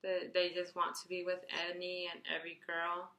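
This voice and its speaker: A 21-year-old beauty vlogger works through a question tag video, brightly reading each question aloud and then rambling through her answers with fillers and restarts. Her voice sits on the low side, brisk and completely flat, in a reverberant, muffled recording.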